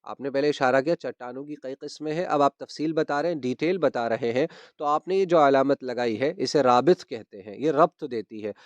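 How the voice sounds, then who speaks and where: A man's voice: mid-range voice, few pauses, dry recording. A man teaching a grammar lesson, patiently repeating key terms and checking that his students understand. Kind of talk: grammar lesson explaining punctuation.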